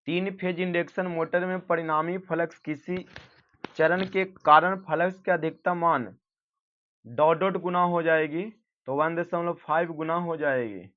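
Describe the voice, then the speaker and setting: A male teacher with a slightly high voice and fairly even intonation works a little slowly through an exam practice set, reading each question aloud, then giving the answer and sometimes correcting himself. The recording is dull and lo-fi.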